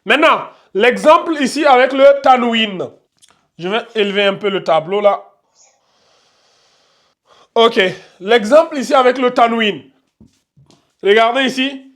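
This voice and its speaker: A man teaching a class at a board, repeating each point, checking that students follow, and slowing down to spell out pronunciations. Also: extremely high pitch, fairly bright tone. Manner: slows down to spell out Arabic pronunciations. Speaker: tajwid teacher.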